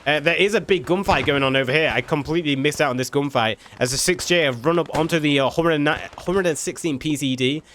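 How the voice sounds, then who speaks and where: A man's voice: a little high, fast talker, hardly any pauses, slight background noise. A man giving laid-back, chatty commentary on a multiplayer war game, swearing now and then. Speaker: gameplay commentator. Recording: loud game gunfire and vehicles behind.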